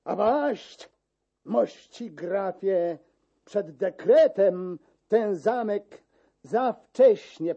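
A stern older district official, as a man puts him on in a dramatic verse reading. He rebukes slowly in a dark, husky voice. The recording sounds dull and lo-fi. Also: high voice, full character voice.

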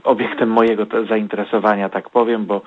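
A man's voice: on the low side, flat delivery, a little fast. A man calling a radio phone-in, giving an unscripted account over a tinny phone line.

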